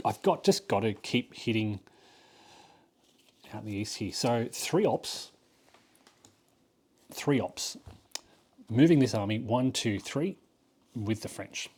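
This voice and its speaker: A man's voice: lowish voice, darkish tone. Man thinking aloud over a board game. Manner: thinking aloud, counting moves, frequent ums. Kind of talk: solo playthrough commentary.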